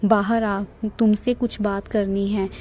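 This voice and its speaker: A stern mother-in-law who scolds and threatens her daughter-in-law, as a woman reads her part in a bedtime storybook. She speaks in a flat, even tone with a mellow, dark voice. The recording is dull and lo-fi. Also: mid-range voice, takes it slowly, slight background noise, natural voice. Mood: scolding.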